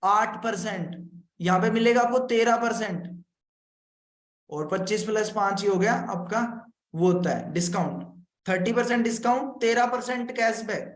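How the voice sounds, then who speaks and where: High-voiced man explaining in an echoey room. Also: moderate pace. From India. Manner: repeats points, keeps saying "okay" and checks on viewers. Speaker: business consultant teaching a marketing plan. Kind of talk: live-streamed explanation to viewers.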